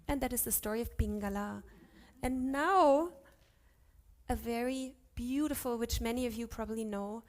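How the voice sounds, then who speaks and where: Woman, teacher in an ashram class, fairly high voice, explains verses, chants them slowly, corrects herself openly. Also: darkish tone. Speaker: teacher of Sanskrit texts. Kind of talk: lecture on scripture with chanting.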